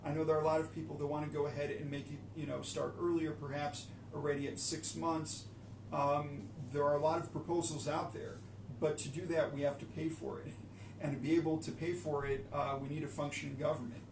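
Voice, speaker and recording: An earnest man urging people to vote, full of fillers and restarts. His voice is a touch high with a gravelly edge. It sounds distant, in an echoey room with noise behind. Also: little pitch movement, a little fast. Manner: earnest, pleading, many fillers. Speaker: election candidate. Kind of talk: interview answer. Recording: echoey room, far from mic, noisy.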